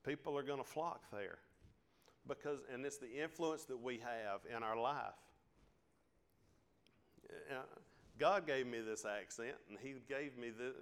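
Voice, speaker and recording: A man's voice: medium pitch, a little slow, long pauses, a bit bright, clear, resonant tone. A man preaching a sermon in a Southern American country drawl, in a folksy, down-home way. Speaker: pastor.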